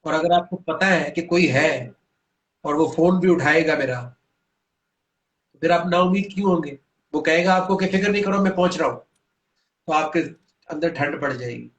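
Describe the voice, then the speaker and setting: A man's voice: on the high side, long pauses, echoey room. A man explaining Quranic teaching in an earnest, patient way, reciting short Arabic verses as he talks. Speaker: guest speaker on religion.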